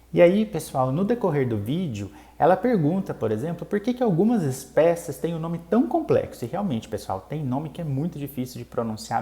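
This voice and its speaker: A man's voice: medium pitch, warm tone. A man with a Brazilian Portuguese accent who hosts a plant channel, patiently explaining a topic step by step in a casual lesson and often checking in with his viewers. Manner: patient, explains step by step, tags lines with "né?" and "tá bom?".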